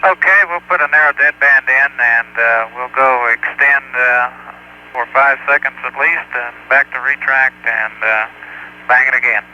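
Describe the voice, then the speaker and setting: A man's voice: mid-range voice, measured pace, bright, forceful tone. A man, an astronaut in flight, talking to mission control in a clipped, matter-of-fact way over a distant, breaking-up space-to-ground radio link. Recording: muffled archival space radio with hiss.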